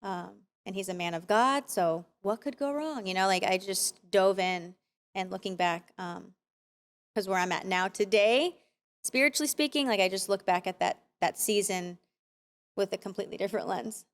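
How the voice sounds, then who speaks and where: A woman in her thirties from Arizona, speaking as a podcast guest in a relaxed conversation. She is candid and reflective, and her talk keeps returning to faith. Her voice sits at an ordinary middle pitch. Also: moderate pace. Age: 30s. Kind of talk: casual conversation.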